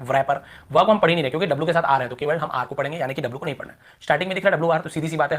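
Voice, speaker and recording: Fast-talking man teaching English spelling. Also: on the high side, a bit bright. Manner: rapid, repetitive, drawing out example words. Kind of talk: classroom lesson explaining spelling rules.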